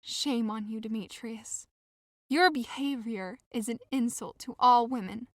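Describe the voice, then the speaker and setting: In an audio drama, an actress plays a devoted, lovesick young woman who pleads with earnest theatrical feeling in a fairly high, unhurried voice. She sounds reproachful yet devoted, and the close, dry recording has no room sound.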